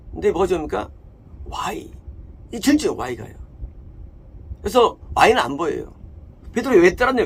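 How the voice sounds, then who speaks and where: A man's voice: high-pitched, breathy edge. A man preaching a sermon as a pastor, emphatic, asking questions and answering them himself. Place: church.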